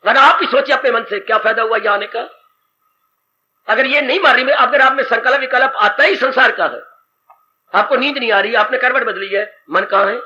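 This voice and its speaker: Man, very high voice, piercing bright tone, animated sermon, old dull tape with faint hiss. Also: fairly quick. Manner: animated, preachy, sighing "haay". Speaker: spiritual teacher. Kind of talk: devotional sermon.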